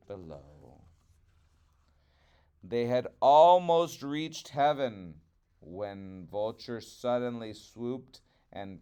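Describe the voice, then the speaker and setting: A man narrates a trickster tale for children in a storybook style. His voice is smooth and clear, and he takes his time, swelling phrases dramatically before letting them fall softly. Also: on the low side.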